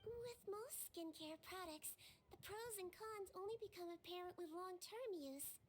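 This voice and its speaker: A poised beauty expert. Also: female voice, very high voice, slight background noise. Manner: measured, authoritative product reviewer. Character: poised female beauty association leader, refined critic. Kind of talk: video game character dialogue.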